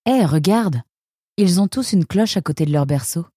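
A man voicing a reserved young female animal in a storybook, flat and matter-of-fact. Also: high-pitched, moderate pace, husky, no echo, clean studio sound, pitched above the performer's own voice.

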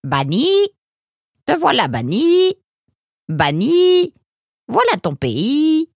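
A woman voicing a small grey parrot with a shrill, jerky voice in an audiobook. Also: huge pitch swings, drawn-out words, creaky, dry recording, studio quality, exaggerated voice. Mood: squawking. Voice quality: shrill, staccato squawking. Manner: repeats the same cries. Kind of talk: audiobook character voice.

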